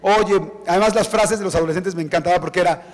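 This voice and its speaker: Middle-aged man, author at a book launch, lively storyteller who mimics the people he quotes, fairly high voice, reverberant hall. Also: quick pace. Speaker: author presenting his book. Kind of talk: anecdotal talk at a book presentation. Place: event hall before an audience.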